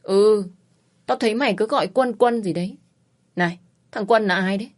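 A woman's voice: mid-range voice, normal speed, lightly acted. A woman voicing a worried, blunt middle-aged mother fussing over her sick daughter. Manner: bossy, blunt, fretting.

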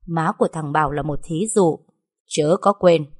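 A woman voicing a strict older father who lectures slowly. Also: deep voice, darkish tone, breathy edge. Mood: stern.

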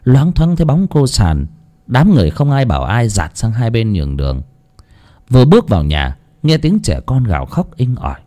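A man narrating a scripted village horror tale in a slow, dramatic way. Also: fairly low pitch, dark tone.

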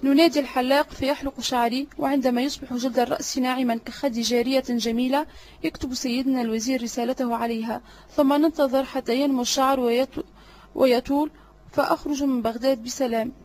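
A woman voicing a cunning, flattering male servant in an audiobook drama reading, obsequious and sly. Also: sits high, quick pace, natural voice.

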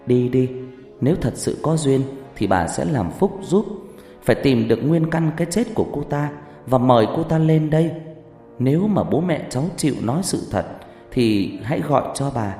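A man's voice: mid-range voice, expressive, normal speed, mellow, close to an everyday voice. A man voicing a stern old female shaman who speaks in a grave, admonishing way. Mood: grave warning. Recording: reverberant hall with background music.

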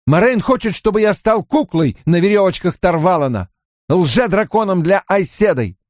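A man's voice: a little high, expressive, moderate pace, darkish tone, dry recording, pitched above the performer's own voice. A troubled, hot-tempered young man, voiced by a male narrator, his speech rising and falling a lot. The recording is close and dry. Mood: furious.

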